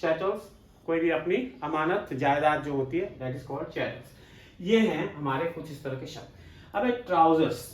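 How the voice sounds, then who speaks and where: With an Indian English accent, a man delivers a classroom-style English grammar lecture, working through it step by step and posing questions he then answers himself. His voice is fairly high, his pace moderate, and the room is reverberant.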